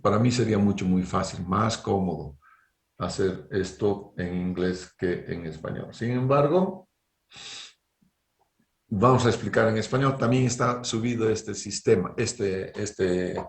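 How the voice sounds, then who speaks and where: A middle-aged man, accent Bolivian Spanish, teaches an engineering course online via video call and often checks in with a rhetorical "¿no es cierto?" He speaks a little slowly in a lowish voice, and the room sound is noticeable.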